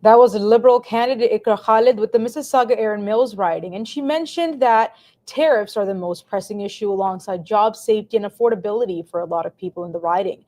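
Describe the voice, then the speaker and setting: Brisk woman presenting news coverage. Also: medium pitch, a little mellow. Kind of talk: scripted news link.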